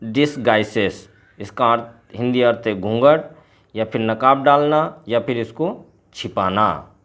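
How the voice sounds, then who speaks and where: Man, teacher, repeats each word slowly, middle pitch. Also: fairly bright tone. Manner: repeats each word slowly, then gives English and Hindi meanings. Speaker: English teacher. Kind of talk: explaining a poem's glossary word by word in a lesson.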